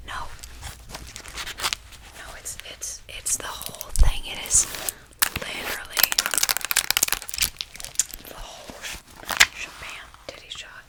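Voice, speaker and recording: A woman whispers in a breathy voice, chatting in a casual, rambling, slangy way for ASMR. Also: slow, long pauses. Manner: informal, slangy, sweary, rambling. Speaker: ASMR video host. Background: nail tapping and page fluttering.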